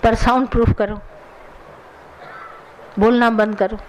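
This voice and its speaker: A woman leads a satsang as its spiritual teacher, her voice sitting fairly high. She speaks earnestly and admonishes her listeners, then takes their questions and answers them directly. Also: little pitch movement, takes it slowly, slight background noise, rough recording. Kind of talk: satsang sermon with audience questions.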